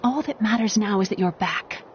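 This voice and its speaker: A woman's voice: mid-range voice, moderate pace, close to an everyday voice. Woman as an earnest young niece, noisy backdrop. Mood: affectionate, pleading. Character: caring, impatient young woman, scholar's niece. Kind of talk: fantasy video game acting. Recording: dull game audio under loud noise.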